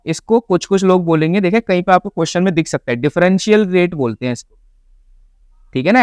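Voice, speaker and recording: A man's voice: on the high side, clear, resonant tone, dry recording, studio quality. A man teaching a chemistry lesson for exam prep, explaining patiently and mixing English terms into his talk. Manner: explains patiently, mixes English terms into Hindi, calls students "beta".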